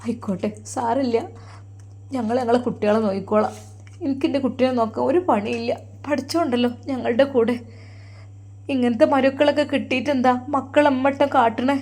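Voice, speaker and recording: A woman's voice: a little high, fairly even intonation, a little fast, darkish tone. A woman playing a soothing, protective mother. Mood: firm. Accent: Malappuram Malayalam. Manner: soothing, firm. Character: caring protective middle-aged mother.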